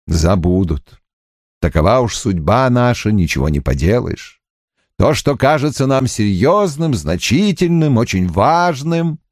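A man voicing a reflective middle-aged army officer who muses slowly in an audiobook. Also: a little mellow, no echo, studio quality. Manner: slow, musing, drops low. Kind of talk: audiobook character reading.

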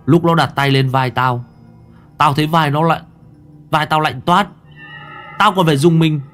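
A man voicing a scared, stubborn village boy in a spoken ghost story, talking in an insistent, excited way. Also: on the high side, a little slow, faint music behind, voice pushed up.

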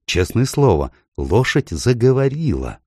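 A man's voice: medium pitch, very animated, measured pace, a little mellow, no echo, studio quality, pitched above the performer's own voice. A man voicing a wary, ragged young runaway boy who answers defiantly.

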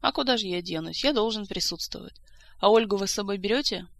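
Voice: medium pitch, animated, quick pace, creaky, fairly bright tone, dry recording. An audiobook reader voicing a joking, playful young king from a fantasy tale. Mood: brisk. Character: jovial teasing young male king.

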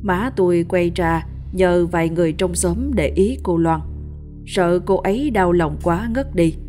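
A woman narrates a first-person ghost story at a steady, measured pace. Her voice sits low and mellow, with faint music under it.

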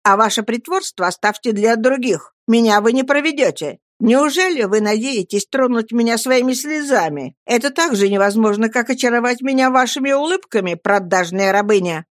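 Woman doing a cold, scornful young woman for an audiobook, high and dry, icy contempt. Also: lively intonation, normal speed, hardly any pauses, no room sound, lightly acted. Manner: contemptuous, through gritted teeth.

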